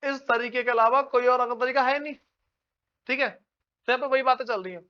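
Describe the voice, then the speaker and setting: A man's voice: very high-pitched, steady tone, fairly quick, clear, resonant tone, highs cut off. A man teaching a class in a casual lecture style, often checking whether his students follow and calling them brother. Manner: casual, keeps asking students if they follow; calls listeners "brother".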